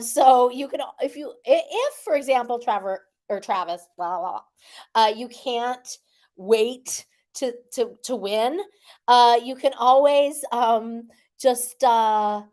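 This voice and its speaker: A middle-aged woman hosts a casual weekly livestream. She talks in a playful, rambling way, full of ums and restarts. Her voice sits slightly high. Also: a little mellow. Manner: rambling, filler-heavy, chatty and playful. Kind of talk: casual livestream chat with viewers.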